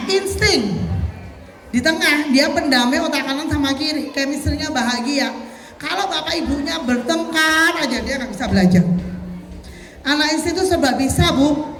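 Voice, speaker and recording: Lady giving a parenting talk, animated and jokey, big echoey hall. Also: sits high, a little hiss or hum. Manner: animated, jokey, acts out mothers and children. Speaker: parenting seminar speaker. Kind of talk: lively seminar talk. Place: large lecture hall.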